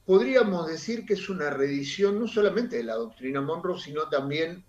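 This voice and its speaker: A man, a political analyst giving measured, emphatic commentary in an interview and often pausing on fillers. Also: a little high, animated, a little mellow, muffled recording.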